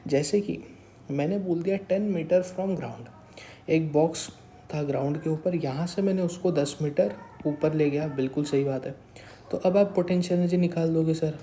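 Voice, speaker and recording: Young man, twenties, casual tutor, mellow tone, self-answering questions, echoey room. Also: a little high, slight background noise. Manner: asks questions and answers them himself, calls listeners brother; repeats a stock phrase of agreement. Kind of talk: casual classroom explanation. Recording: roomy echo.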